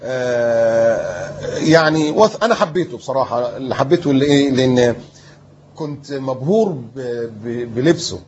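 With a mid-range voice at a moderate pace, a man in his fifties with an Egyptian accent, a preacher and interview guest, tells his story. He brings it to life by acting out what others said to him. The audio is dull, and crowd noise can be heard.

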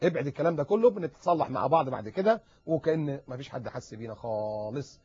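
A man with an Egyptian accent giving a lively religious advice lecture, talking animatedly and acting out little dialogues. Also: medium pitch, slightly rough, no room sound. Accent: Egyptian Arabic. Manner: animated, acts out dialogues, rapid repetitions. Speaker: preacher. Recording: dull lo-fi recording.

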